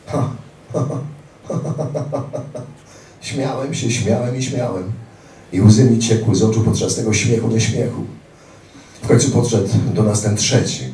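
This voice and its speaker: A man's voice: low-pitched, warm tone, a little hiss or hum. A man reading a first-person memoir aloud with dramatic, blunt delivery. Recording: echoey room, distant mic.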